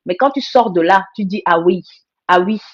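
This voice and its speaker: A woman's voice: medium pitch, moderate pace, dull audio. A woman hosting a live stream, talking in a blunt, emphatic way with lots of repeated phrases and greetings to viewer comments. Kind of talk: casual live-stream monologue.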